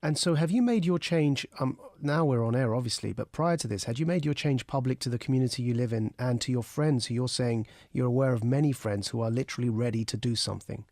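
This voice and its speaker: A man's voice: medium pitch, fast, hardly any pauses, a little mellow, dry recording. A man hosting a radio phone-in, asking the caller earnest questions from a studio microphone. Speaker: radio host.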